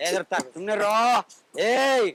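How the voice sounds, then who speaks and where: High-voiced bossy man on a noisy street. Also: expressive, unhurried. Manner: bossy, scolding, pushy. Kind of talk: hidden-camera prank.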